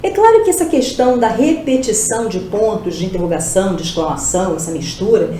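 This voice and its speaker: A Portuguese teacher with a medium-pitched, dark-toned voice and lively intonation walks through exam material, explaining via rhetorical questions she swiftly answers. There's slight background noise and a roomy echo.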